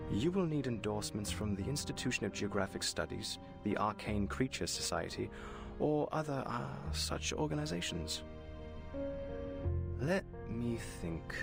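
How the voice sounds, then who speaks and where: A low-voiced, condescending academic official. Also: male voice, creaky. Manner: formal, condescending, hedging. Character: dismissive, bureaucratic academic official, a phantom voice from memory.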